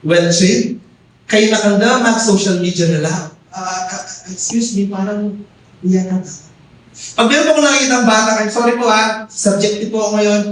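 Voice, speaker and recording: In a church hall with echo and a distant mic, a middle-aged pastor from the Philippines delivers a sermon in Taglish. His voice sits high and is a bit bright, at a moderate pace, and he frequently calls out "amen?" to his congregation.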